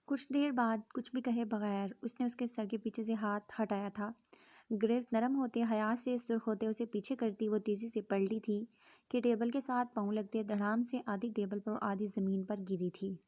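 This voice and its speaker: A woman hosting her channel who reads an audio novel in an even storytelling manner and mixes in English words. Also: a little high.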